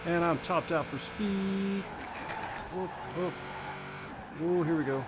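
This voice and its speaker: A Kentucky man in his forties, with a high voice and an unhurried pace, chats casually and teases his viewers while playing a racing game on a live stream. Racing game engine noise runs behind his voice.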